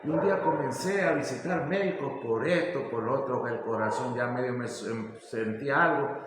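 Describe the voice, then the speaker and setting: A man's voice: medium pitch, noisy background. Ecuadorian man giving a faith testimony in an echoey hall. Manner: halting, emotional, with frequent restarts. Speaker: church member giving testimony.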